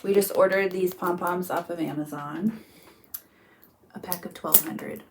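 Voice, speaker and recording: A woman's voice: fairly low pitch, fairly even intonation, a little slow, vocal fry, slight background noise. A woman in her thirties co-hosting a casual craft chat, chatty and laughing easily as she coaxes her child along. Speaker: co-host.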